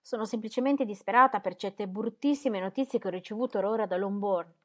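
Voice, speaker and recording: A desperate young woman whose voice climbs and cracks with urgency, as a woman voices her in an audiobook. Her pitch jumps higher than the narration. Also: fairly quick, natural voice. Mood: distraught. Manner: urgent, breaking, tearful. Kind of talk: audiobook reading.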